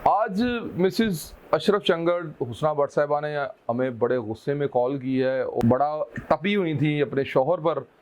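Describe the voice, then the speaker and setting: A man's voice: on the high side, measured pace, hardly any pauses. A man from Pakistan hosting a talk show, asking a caller teasing, leading questions. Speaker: host. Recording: dull lo-fi with faint noise.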